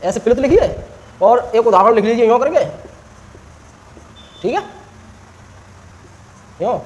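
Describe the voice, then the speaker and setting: A man's voice: very high voice, animated, moderate pace, lo-fi sound. A man teaching a classroom grammar lesson, quizzing students with short questions and stretching vowels out to demonstrate.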